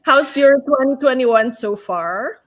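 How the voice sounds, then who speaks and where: A woman hosting an interview show, reading a scripted intro and then chatting with a guest in an upbeat way, often answering with a quick "right". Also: high-pitched. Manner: upbeat, frequent affirming "right". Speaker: talk show host.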